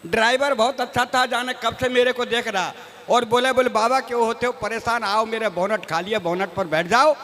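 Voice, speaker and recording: A Rajasthani man from India performs comic stage poetry in a folksy, self-mocking way, addressing the audience directly. His voice is extremely high-pitched, steady in tone, fairly bright, and moderately paced. The recording carries an echoey hall reverb.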